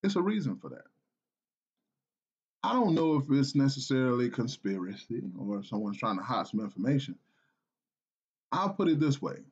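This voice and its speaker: A man from South Carolina telling a personal story in an earnest, halting way, with restarts and repeated phrases. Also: mid-range voice, very animated, a little mellow, breathy edge, highs cut off. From South Carolina, United States.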